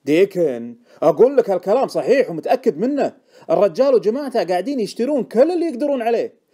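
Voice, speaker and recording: A man with a Gulf Arabic accent voicing an excitable, insistent male stock tipster in an audiobook. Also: fairly high pitch, moderate pace, pitched above the performer's own voice. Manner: insistent, indignant, loud. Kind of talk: audiobook character voice.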